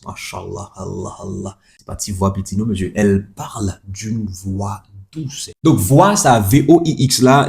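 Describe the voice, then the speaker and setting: A man's voice: on the low side, dark tone. A man teaching a French lesson, spelling words letter by letter, repeating each example and adding chatty asides to the listener. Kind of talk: explaining a language lesson.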